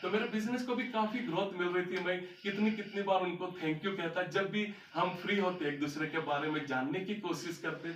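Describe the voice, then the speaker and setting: A man's voice: sits high, normal speed, hardly any pauses, fairly bright tone, recorded from a distance, a little hiss or hum. A man telling a story about his life to an audience as a motivational speaker, recorded in a large hall. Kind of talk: storytelling talk on stage.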